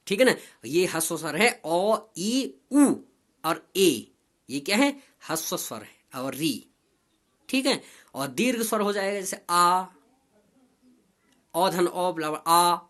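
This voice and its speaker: A man's voice: high voice, fairly bright tone. A male teacher explaining grammar step by step, who keeps checking with "ठीक है ना" and draws out vowels as he demonstrates them. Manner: drawn-out, sing-song vowel demonstrations. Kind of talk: grammar lesson.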